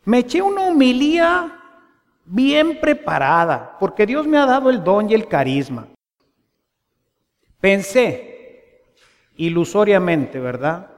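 Mexican priest, high voice, unhurried sermon, long church echo. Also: male voice, lively intonation. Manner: conversational preaching with rhetorical questions. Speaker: parish priest.

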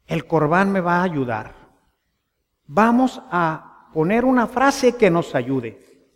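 Mexican priest, high voice, unhurried sermon, long church echo. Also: male voice, very animated. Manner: conversational preaching with rhetorical questions. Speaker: parish priest.

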